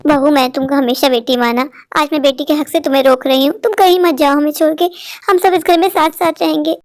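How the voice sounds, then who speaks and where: A woman voicing a wise older mother-in-law in a cartoon story, speaking calmly and soothingly. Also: high voice, brisk, no echo, clean studio sound, voice pushed down. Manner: calm, soothing, advising. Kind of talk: dubbed Hindi cartoon story.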